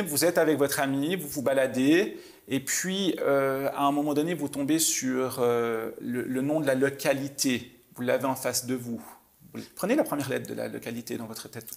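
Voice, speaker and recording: A man, a mentalist host leading a guest through a calm guided visualization with soft, hesitant instructions. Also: mid-range voice, creaky. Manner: soft, slow, suggestive instructions with hesitant restarts.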